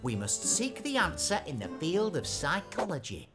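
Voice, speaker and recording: A woman's voice: low voice, wildly swooping pitch, normal speed, over music. A woman voicing a clever talking dog in a cartoon, dryly sarcastic and reasoning. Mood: exasperated. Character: sensible, exasperated talking dog, Corneil. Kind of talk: cartoon dub acting.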